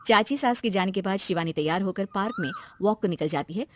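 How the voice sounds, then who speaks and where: A woman's voice: mid-range voice, lively intonation, a little fast, slight background noise. A woman narrating a scripted family story as a storyteller.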